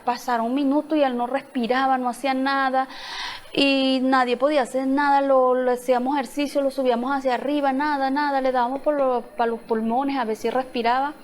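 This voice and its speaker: A woman giving a personal testimony in church, telling an emotional story and acting out the voices of the people in it. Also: high voice. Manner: emotional storytelling, quoting dialogue. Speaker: testimony speaker.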